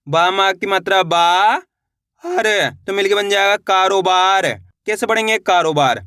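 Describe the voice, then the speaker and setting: High-voiced patient male teacher. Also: a bit bright, dry recording, studio quality. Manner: patient, repeats syllables and asks checking questions. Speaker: Hindi reading teacher. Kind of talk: slow instructional explanation.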